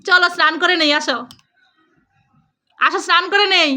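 Mom vlogger, really high voice, bright, teasing her kid and chatting to viewers. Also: fairly even intonation, moderate pace, faint music behind. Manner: coaxing, teasing, talks to viewers. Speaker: mother and vlogger. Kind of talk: casual family vlog.

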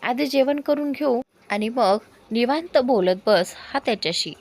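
A shy young woman in a storybook romance, guarded and reserved, asking quiet questions, as a woman narrator voices her. The voice is fairly high. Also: lively intonation, measured pace. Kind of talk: storybook character voice.

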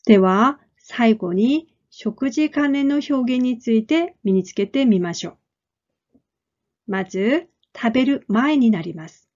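A woman teaching a language lesson, speaking clearly and deliberately and repeating model phrases. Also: on the high side, animated, darkish tone, highs cut off. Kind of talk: slow, careful lesson explanation.

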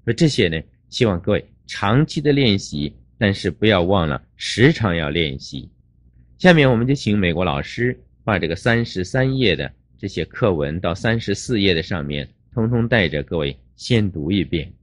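An older man lecturing as an English teacher, explaining grammar slowly with drawn-out fillers. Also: low voice, expressive.

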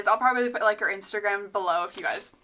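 A young woman from Canada, hosting her own vlog and gushing with excitement as she opens a gift package, full of little fillers and exclamations. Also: mid-range voice, fast, a little hiss or hum. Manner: gushing, breathless, lots of likes and oh my gods. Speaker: vlogger.

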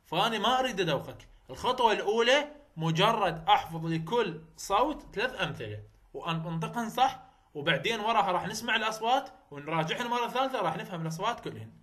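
A man with an Iraqi Arabic accent teaching English vowel sounds, repeating example words slowly and coaching the viewer directly. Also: high-pitched, expressive, a bit bright. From Iraq. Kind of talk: phonetics lesson.

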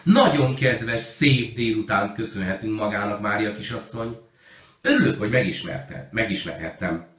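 A man's voice: on the low side, a bit bright, lightly acted. A man voicing a polite, friendly middle-aged official's wife speaking courteously, in a roomy recording. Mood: cordial. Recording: roomy echo.

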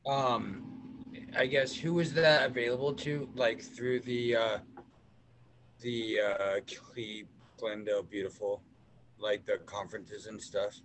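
A young man asks a halting question in a community meeting over a video call from a small room. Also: on the low side, fairly even intonation, fairly bright tone, a little hiss or hum, low-quality recording. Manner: hesitant, halting. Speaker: meeting participant. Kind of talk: casual question.

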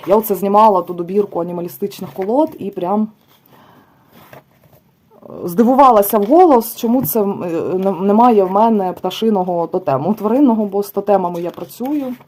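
A woman's voice: mid-range voice, brisk, warm tone. A young adult woman casually reviewing a book, listing bird names one by one with chatty asides. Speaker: tarot and oracle vlogger. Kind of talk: casual book review, leafing through pages.

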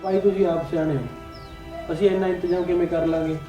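A young man plays the bride's earnest brother, pleading quickly. Music is clearly heard behind him. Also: a little high, fairly even intonation, muffled recording, natural voice.

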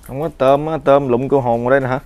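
A man visiting an old woman and chatting casually, asking her quick teasing questions. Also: mid-range voice, fairly even intonation, lo-fi sound, a little hiss or hum. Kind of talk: casual chat.

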